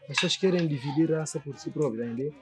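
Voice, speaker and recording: Amid crowd noise, this São Tomé sculptor and painter talks very fast in a slightly high voice, his São Tomé Portuguese accent clear. Reflective and earnest in the documentary interview, he frequently makes sure he's being understood.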